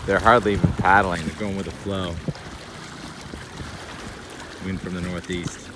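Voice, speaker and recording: Vlogging casually on a handheld phone at a beach by the water, a man muses aloud about the sky and weather in short, enthusiastic remarks. His voice sits low with flat delivery and a slightly fast pace, and clear outdoor ambience and vehicle noise surround him.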